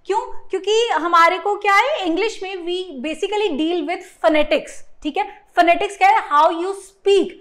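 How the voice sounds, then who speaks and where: A woman's voice: extremely high pitch, fairly bright tone. A woman with an Indian English accent teaching a grammar lesson, mixing Hindi and English and often checking with "ठीक है". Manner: spells out sounds slowly for emphasis. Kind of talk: classroom-style grammar lesson.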